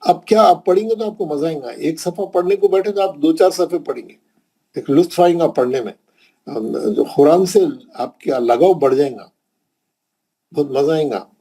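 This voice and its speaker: A man's voice: fairly high pitch, animated, normal speed, dark tone, husky. A man from India with a Hyderabadi Urdu accent, teaching a Quran recitation class patiently, repeating points and checking in with his students. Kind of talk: classroom lesson.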